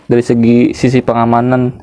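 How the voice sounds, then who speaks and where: A man's voice: medium pitch, monotone, brisk, warm tone, no room sound. Man tossing in quips. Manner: short quips and reactions. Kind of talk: casual podcast chat.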